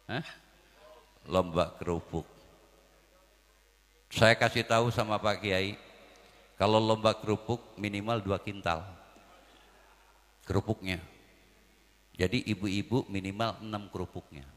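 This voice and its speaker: A man preaching a comic sermon, swinging between loud calls to the crowd and quiet asides. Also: low-pitched, a little slow, long pauses, long reverb tail.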